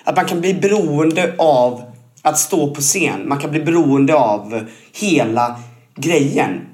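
A man talks as a guest musician in a loose conversation. He is animated, often slipping into acted-out voices that jump high and loud, then settling back into a calmer, lower tone. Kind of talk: casual chat.

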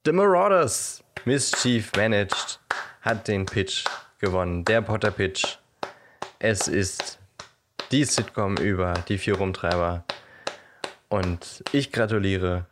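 A man's voice: sits low, fairly even intonation, takes it slowly, pauses often, background noise. A man co-hosting a casual podcast, playful and joking, laughing often while he talks. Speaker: podcast co-host.

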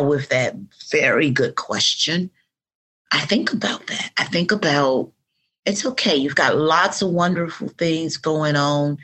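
A woman's voice: deep voice, a bit bright. A woman in her fifties, a podcast guest, telling reflective stories in conversation and acting out quoted affirmations. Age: 50s. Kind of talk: conversational interview.

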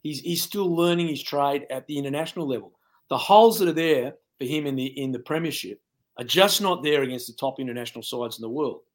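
A man's voice: medium pitch, fairly quick. A former coach, a man, giving blunt and colourful rugby analysis in casual chat, laughing at his own jokes.

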